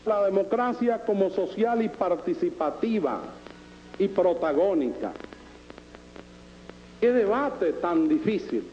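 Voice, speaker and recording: A man with a Venezuelan Caribbean Spanish accent giving formal political oratory in deliberate, rhetorical phrases with emphatic repetition. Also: sits high, sing-song, mellow, dull audio. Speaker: political speaker presenting a constitutional proposal.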